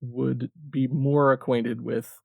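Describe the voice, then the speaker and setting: Gravelly-voiced man running a tabletop game. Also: mid-range voice, little pitch movement, takes it slowly, dry recording, phone-quality sound. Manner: casual, thinks aloud with fillers. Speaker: game master.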